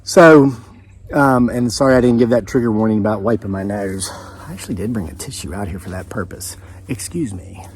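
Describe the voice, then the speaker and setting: A man's voice: lowish voice, a little fast, slight background noise. A man of fifty telling a rambling personal story in a casual, conversational way, with frequent asides to his viewers. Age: 50s. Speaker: channel host. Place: outdoors.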